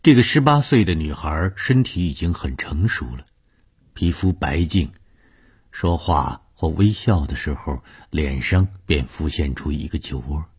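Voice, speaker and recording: Husky deep-voiced male storyteller. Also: expressive, a little slow. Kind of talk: traditional long-form storytelling narration.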